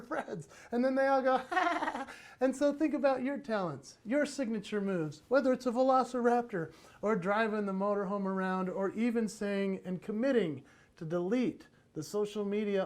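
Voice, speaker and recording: A man delivers a motivational conference talk about parenting. His voice sits high, and he tells his stories in an animated, playful way. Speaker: keynote speaker on parenting.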